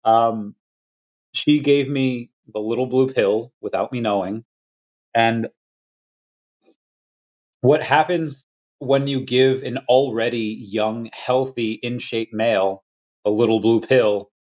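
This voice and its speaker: A young man from Peru hosting a casual livestream chat, rambling and restarting his sentences, with quick laughs between thoughts. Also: mid-range voice, steady tone, a little mellow. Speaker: crypto livestream host. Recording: lo-fi dull audio.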